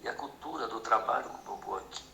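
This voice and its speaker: A man with a Bahian accent speaks calmly on an online call. His voice is low, gravelly and bright-edged. The line sounds echoey with faint background noise. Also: fast. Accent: Bahian Brazilian Portuguese. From Bahia, Brazil. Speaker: meeting participant. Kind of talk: online meeting chat.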